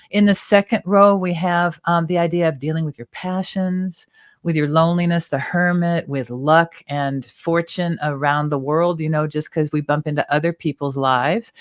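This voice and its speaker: A woman's voice: sits low, dry recording, studio quality. Chatty woman hosting a tarot show. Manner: chatty, explains symbols at length. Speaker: tarot reader and show host. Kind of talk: explanatory tarot talk show.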